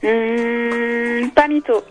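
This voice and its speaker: A woman's voice: fairly high pitch, fairly even intonation, drawn-out words, soft background music. A woman in her twenties from the Paris region, heard as a distant phone-line caller on a radio quiz game, giving brief, cheerful answers. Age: 20s.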